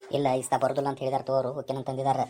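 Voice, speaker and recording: A low-voiced, defensive young village guy, played by a woman, fires off scolding banter at a racing clip. He speaks with a North Karnataka Kannada accent, like someone in a comic village skit. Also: monotone, racing, mellow.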